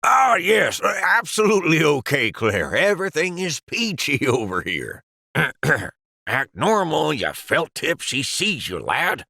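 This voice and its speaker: Stan, a gravelly teasing old-hand pen. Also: male voice, medium pitch, big pitch swings, drawn-out words, pushed and bright, no room sound, clean studio sound, full character voice. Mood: flustered. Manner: jokey, calls others lad and laddie. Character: older male pen, calm, teasing office mentor. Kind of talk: animated cartoon voice acting.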